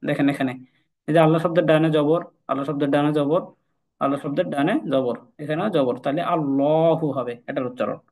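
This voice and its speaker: A man with a somewhat high voice leads an informal Quran recitation class. He explains each rule patiently, says key points twice and slows right down to chant the Arabic examples. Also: fairly even intonation, a little mellow, rough recording. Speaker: Quran teacher.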